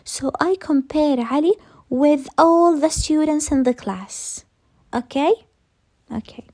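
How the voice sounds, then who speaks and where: A woman's voice: high-pitched, takes it slowly, darkish tone. A woman teaching English grammar in a recorded lesson, repeating each rule and answering her own questions.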